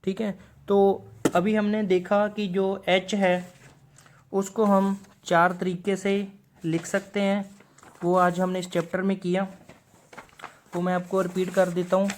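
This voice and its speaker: A man's voice: sits high, little pitch movement, takes it slowly, pauses often, a little hiss or hum. A man teaching a shorthand video lesson. He explains patiently and says each example word twice.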